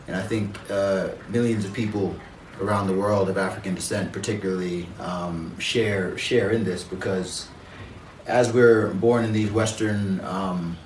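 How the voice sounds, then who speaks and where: A man from Jamaica, a guest in an interview, speaking in a measured, reflective way with frequent pauses and fillers. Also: low-pitched, steady tone, reverberant, far from the mic, slight background noise, poor audio. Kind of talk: conversational interview.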